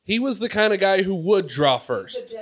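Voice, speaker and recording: A man's voice: high-pitched, very animated, moderate pace. A man in casual chat with a jokey, argumentative manner.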